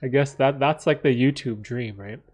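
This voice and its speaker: With faint music in the background, a man answers viewer questions during a casual livestream from a room at home with a bookcase behind him. His medium-pitched voice is a little mellow and moderately paced, and he rambles with plenty of fillers and restarts.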